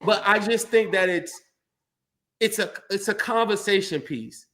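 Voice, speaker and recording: A man hosting a casual sports talk show, talking in an animated, rambling way and often repeating words. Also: high-pitched, measured pace. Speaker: sports podcast host.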